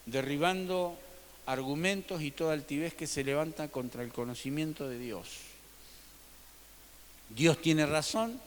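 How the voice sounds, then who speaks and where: Guy preaching, slow and deliberate, kinda high voice, big church echo. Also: slight background noise. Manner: emphatic preaching with sudden loud peaks and soft drops. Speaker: pastor. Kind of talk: sermon. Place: church sanctuary. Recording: long reverb of a church hall.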